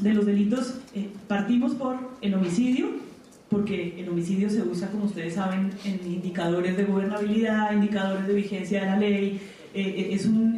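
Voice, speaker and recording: A woman delivers a seminar talk, explaining in a conversational way and stopping often to think. Her voice is mellow. She is recorded from a distance in a very echoey conference hall with faint background noise. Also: medium pitch. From Colombia. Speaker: panel presenter. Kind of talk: seminar presentation.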